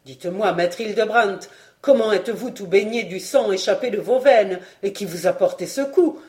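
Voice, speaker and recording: An audiobook reader voicing a grieving, proud male warrior king who laments loudly. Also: mid-range voice, moderate pace, lightly acted. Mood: reproachful. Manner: lamenting, emphatic. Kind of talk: audiobook reading.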